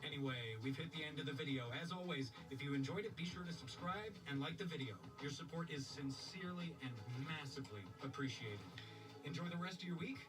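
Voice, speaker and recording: A man's voice: a little high, fast. Male commentary narrator over music. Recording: slightly distant, music underneath.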